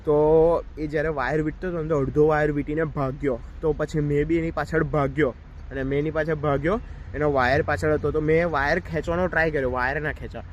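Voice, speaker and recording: Brief: male vlogger, a little high-pitched, chatty and direct, recorded outdoors in a park with faint traffic behind. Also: fairly even intonation, a little fast, lo-fi sound. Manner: chatty, addresses viewers directly. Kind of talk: casual storytelling vlog.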